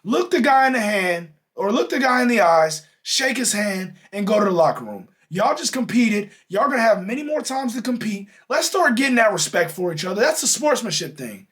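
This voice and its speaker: A young man hosts a sports podcast in a high, excitable voice. He rants with heated exasperation and hammers his points home, and his voice swoops wildly up and down as he works himself up. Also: normal speed, few pauses. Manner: heated, exasperated, emphatic ranting. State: losing his voice. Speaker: podcast host. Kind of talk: animated sports reaction rant.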